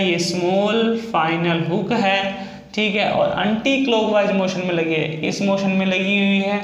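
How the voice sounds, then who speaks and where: Guy teaching shorthand, kinda high voice, repeats stuff a lot, echoey room w faint hiss. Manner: explains step by step, repeats words and says "ठीक है" often. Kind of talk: recorded classroom lesson.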